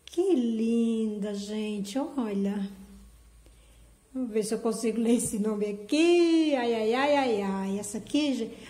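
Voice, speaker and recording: Speaking slowly in a warm, fairly high voice, the orchid channel host fawns over every plant she unpacks, saying "gente" again and again. The vlog is relaxed and recorded in an echoey space.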